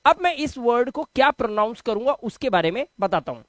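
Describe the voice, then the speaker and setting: A man's voice: very high voice, big pitch swings, fairly quick, a bit bright, dry recording. A man giving a video lesson as a teacher, patiently repeating sounds and asking and answering his own questions. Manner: repeats key sounds for drilling.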